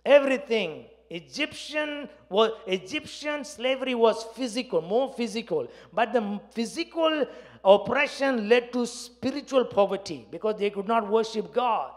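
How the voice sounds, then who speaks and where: A South Indian man preaches from a church stage into a handheld microphone. His voice sits high for a man, with a South Indian accent shaped by his native Tamil. He delivers the sermon conversationally, in short, broken phrases. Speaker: pastor. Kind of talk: conversational sermon with personal anecdotes.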